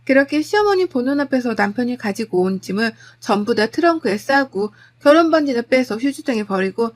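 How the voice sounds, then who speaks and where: Fairly high-voiced woman storyteller. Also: expressive, brisk. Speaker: narrator. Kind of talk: first-person story narration.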